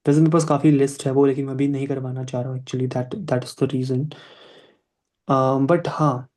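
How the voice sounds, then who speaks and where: A young man teaching English pronunciation in a live online class, patiently repeating words slowly to demonstrate the sounds. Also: mid-range voice, level tone, darkish tone.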